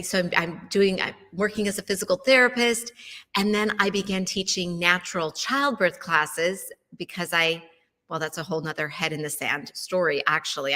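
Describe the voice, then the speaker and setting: Middle-aged woman, bright chatty host, casual storytelling, reverberant room. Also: mid-range voice. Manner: chatty, asks listeners questions, many fillers. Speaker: wellness show host.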